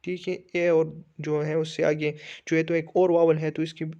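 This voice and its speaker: A man teaching English pronunciation in Hindi, explaining step by step with frequent fillers and slowly reading out English definitions. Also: fairly high pitch, little pitch movement, mellow, highs cut off. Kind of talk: English phonetics lesson in Hindi.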